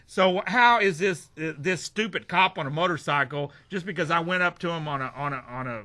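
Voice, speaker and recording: A man on a talk show who rants in a heated, repetitive, rambling way. His voice is sharp and forceful, pitched a little high. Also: a little fast. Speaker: regular guest. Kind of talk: ranting talk-show chat. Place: TV studio.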